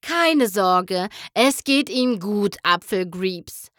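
Discord, a mischievous male chaos creature put on by a woman reading a storybook, sounds smug and gleeful as he teases and plays innocent. His voice swings up and down with a lively lilt, and he takes his time over every word. The sound is close and dry. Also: mid-range voice, extremely slow, no room sound. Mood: smug teasing.

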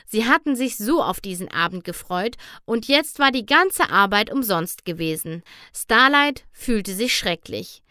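A woman narrating a children's storybook aloud with expressive reading. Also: mid-range voice, a little slow, hardly any pauses, smooth, no room sound, clean studio sound. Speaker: audiobook narrator.

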